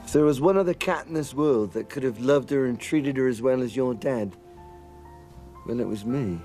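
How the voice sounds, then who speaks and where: A man's voice: medium pitch, normal speed, mellow, natural voice. A man playing a goofy, flirtatious swinging-sixties British spy with an English accent, joking playfully. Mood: tender. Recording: film soundtrack with clear music behind.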